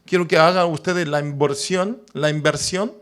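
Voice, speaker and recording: A pastor, a native Korean speaker, preaching a sermon emphatically and often asking the congregation to confirm. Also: male voice, fairly high pitch, normal speed, a bit bright, smooth.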